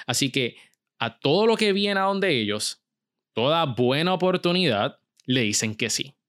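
Energetic podcast host, dry sound. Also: male voice, fairly high pitch, a little slow, smooth, no room sound. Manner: energetic, addresses the listener directly with questions. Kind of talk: solo motivational business podcast.

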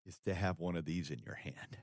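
A man with a deep, low-pitched voice talks through faith and life on a podcast. His delivery is earnest and emphatic, with a preacher's conviction. The sound is dry and close, with no room around it. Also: brisk, no room sound. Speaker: podcast co-host, author. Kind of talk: faith-based conversational talk.

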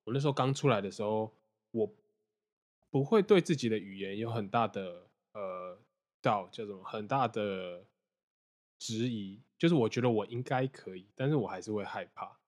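A man's voice: fairly low pitch, moderate pace, a little mellow. A young man hosting a casual podcast interview, prompting his guest and summing up his points. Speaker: podcast host.

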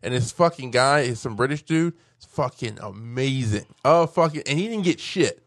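A man's voice: mid-range voice, animated, moderate pace, no room sound, studio quality. A man hosting a casual movie chat, cursing freely and stammering through restarts.

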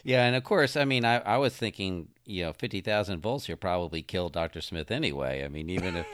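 A man's voice: low-pitched, expressive, quick pace, a bit bright, smooth, no room sound, studio quality. A man co-hosting a podcast, talking casually and jokingly about a TV episode, laughing as he goes. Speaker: podcast co-host.

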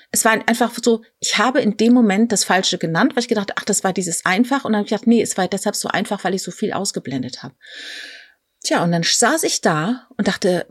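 Woman in her middle years telling a story, lots of ähms, animated, dry close sound. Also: mid-range voice, slightly rough, dry recording. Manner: animated storytelling with many fillers and quoted voices. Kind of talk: casual conversation, personal anecdote.

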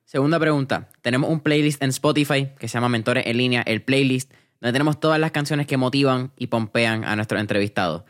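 Interviewing an entrepreneur on his podcast, this relaxed host speaks Spanish sprinkled with English words. He has a medium-pitched voice and a slightly fast delivery.

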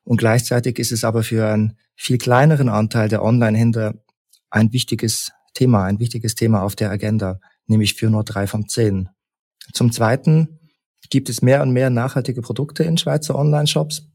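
A man from Leipzig, a researcher and lecturer, calmly explaining study results point by point as a podcast guest. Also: mid-range voice, breathy edge. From Leipzig, Germany. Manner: measured, structured, lists points in order. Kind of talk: explanatory interview talk.

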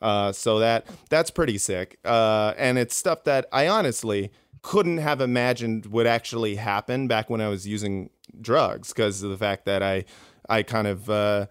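A comedian guest in a casual interview, rambling with many fillers and restarts. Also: male voice, fairly low pitch, unhurried, smooth, no room sound, studio quality.

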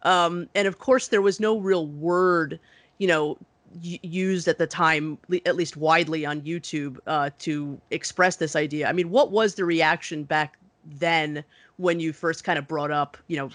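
High-voiced, deferential male interviewer. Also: fairly even intonation, measured pace, a bit bright, dry recording. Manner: hesitant, deferential, agreeable. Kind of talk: casual interview questioning.

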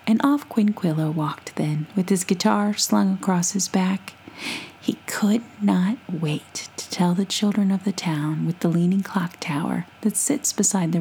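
A woman telling a bedtime folk tale in a soft, unhurried whisper. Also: fairly low pitch, creaky, slight background noise, poor audio. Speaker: storyteller.

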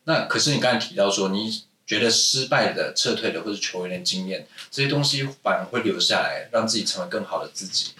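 Quick, bright-voiced Taiwanese male host. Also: on the low side, distant mic. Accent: Taiwanese Mandarin. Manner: joking, teasing questions. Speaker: podcast host. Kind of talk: casual interview. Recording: roomy, set back from the mic.

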